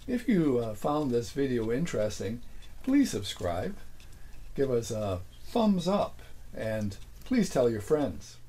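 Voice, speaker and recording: An older man giving a casual narrated tour of his small sailboat cabin, unhurried and halting, full of fillers. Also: mid-range voice, sing-song, warm tone, husky. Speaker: boat owner giving a tour. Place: small sailboat cabin, then home office.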